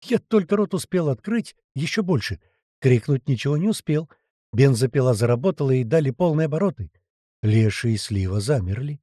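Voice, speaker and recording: Expressive male audiobook narrator. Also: mid-range voice, a little fast, dry recording, studio quality. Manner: expressive, colloquial storytelling. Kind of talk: first-person scripted narration.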